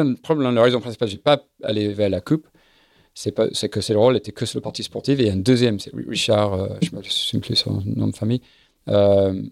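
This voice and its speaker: Low gravelly middle-aged man, halting. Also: dry recording, studio quality. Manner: halting, searches for words, repeats himself often. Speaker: guest, sailing event business founder. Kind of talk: casual interview.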